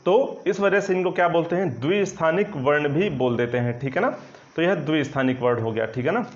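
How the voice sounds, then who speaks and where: A man's voice: a little high, fairly quick. A male Hindi grammar teacher giving an online exam-prep lesson, explaining patiently and checking often that students follow. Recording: slightly dull lo-fi sound.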